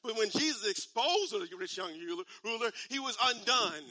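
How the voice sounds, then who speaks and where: A man in his thirties preaching a sermon in a conversational style, repeating phrases and using casual slang, building up to shouts. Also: high voice, lively intonation, moderate pace, no room sound. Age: 30s. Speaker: pastor.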